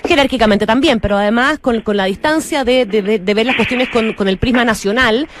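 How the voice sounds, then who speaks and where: A woman's voice: fairly high pitch, brisk. A Chilean woman hosting a radio interview, asking probing questions and often restarting her sentences. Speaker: radio host.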